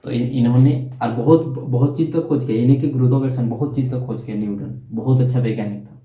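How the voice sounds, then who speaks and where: A man teaches at a board, tossing questions to the class and answering them himself. His voice sits at an ordinary middle pitch. The recording is dull and lo-fi, with a roomy echo around him. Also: fairly even intonation, fast talker. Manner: repeats key terms, adds tag questions. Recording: echoey room, dull lo-fi sound.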